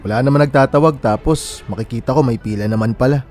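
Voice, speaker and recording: In a Tagalog radio drama, an actor plays a friendly, worried young man waiting at a bus terminal, speaking in a chatty, natural, conversational way. His mid-range voice is quick, a little mellow and close to everyday speech. Faint music plays behind him.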